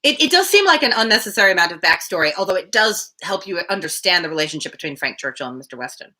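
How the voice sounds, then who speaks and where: A woman on the lower side of the pitch range reads a classic novel aloud for her daily live reading, moving quickly with big swings in pitch. Her tone is bright and forceful, and she occasionally speaks casually between passages.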